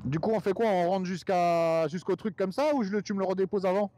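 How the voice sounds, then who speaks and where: Male rider talking inside a helmet, chatty and teasing, clear traffic noise. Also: high-pitched, fairly quick, dark tone. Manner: chatty, teasing, gives riding tips. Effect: talking inside a motorcycle helmet. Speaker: fellow rider. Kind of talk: casual chat while riding. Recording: road and wind noise.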